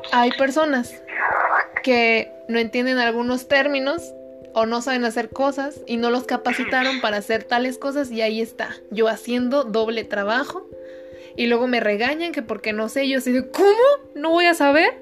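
Chatty Mexican woman, high voice. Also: normal speed, faint music behind. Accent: Mexican Spanish. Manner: chatty, swears freely, acts out dialogue. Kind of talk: casual gossip chat.

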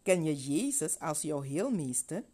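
A woman voicing a gentle male preacher who speaks in a calm, fatherly way. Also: sits low, measured pace, breathy edge, heavily acted. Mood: questioning.

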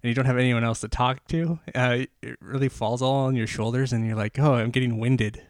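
A man's voice: mid-range voice, steady tone, brisk, smooth, dry recording, studio quality. A man hosting a solo podcast, talking enthusiastically in a rambling way with lots of fillers and restarts, a little out of breath. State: slightly out of breath. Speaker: podcast host.

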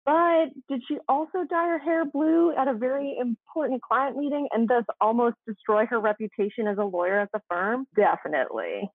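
A woman's voice: a little high, moderate pace, few pauses, dry recording. A woman in her twenties chatting sarcastically as a podcast co-host, with lots of "like" fillers. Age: 20s. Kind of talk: casual podcast chat. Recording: tinny phone-like line.

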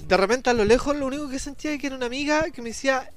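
A man's voice: very high-pitched, rapid-fire, soft background music. A young Chilean man co-hosting a podcast, casually and animatedly telling a story to friends. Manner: animated, acts out shouted quotes. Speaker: podcast co-host.

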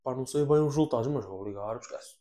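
A man's voice: medium pitch, fast, a crowd in the background. A man with a European Portuguese accent co-hosting a podcast, joking through casual banter. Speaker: podcast co-host. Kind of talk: casual chat.

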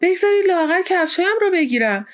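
A woman doing an excitable, alarmed manservant. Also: fairly high pitch, highs cut off, close to an everyday voice. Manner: exclamatory, alarmed. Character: excitable male servant, easily alarmed.

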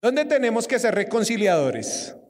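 A young man with a Colombian accent preaching a sermon, lively and keeps putting questions to his listeners. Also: very high-pitched, normal speed. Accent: Colombian Spanish. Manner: lively, asks the audience questions. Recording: long hall reverb.

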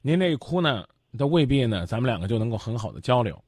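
A man's voice: medium pitch, very animated, fast talker, a little mellow, no room sound, clean studio sound. A man hosting a radio advice show, blunt and lecturing, cutting his caller off to press her.

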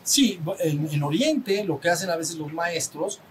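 Mexican guy teaching a small group, keeps asking if they got it, soft rumble in the background. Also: lively intonation, unhurried, rough recording. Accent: Mexican Spanish. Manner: conversational, asks the group for assent, acts out little dialogues. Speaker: spiritual teacher. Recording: faint rumble behind.

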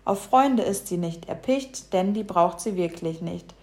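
A woman's voice: lowish voice, a little slow, darkish tone. A woman doing a grumpy little bumblebee. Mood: grumbling. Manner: gruff, scolding, rhymes when cross. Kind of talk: storybook reading.

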